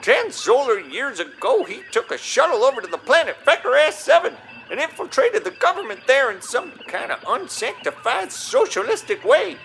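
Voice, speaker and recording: A man playing a gruff, blustering old commodore who sounds like a grubby prospector, barking folksy orders in a comedy audio sketch. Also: extremely high pitch, big pitch swings, normal speed, few pauses, fairly bright tone, soft background music, heavily acted, low-quality recording. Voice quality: gravelly, twangy old-timer bark.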